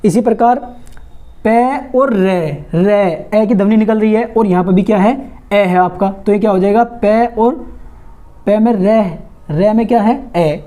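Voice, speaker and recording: A woman teaching a grammar lesson for exam students, asking questions and answering them herself, slowly drawing out and repeating sounds. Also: medium pitch, steady tone, warm tone. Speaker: Hindi teacher.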